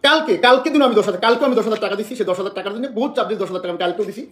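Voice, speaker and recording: A man's voice: high voice, racing, fairly bright tone, roomy sound. A man from Bangladesh making an emotional public statement to the press, agitated and repeating phrases over and over.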